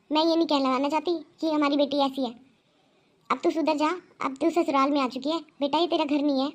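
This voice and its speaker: A woman's voice: sits high, close to an everyday voice. A woman voicing a firm middle-aged mother in a cartoon, lecturing her daughter at length. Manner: lecturing, scolding. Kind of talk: cartoon voice acting.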